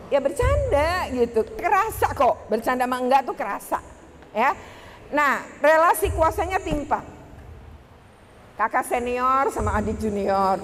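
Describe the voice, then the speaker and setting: A woman speaking to a room of teachers at a workshop, lively and chatty as she addresses the audience directly. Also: sits high. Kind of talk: presentation to an audience. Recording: reverberant hall, faint background noise.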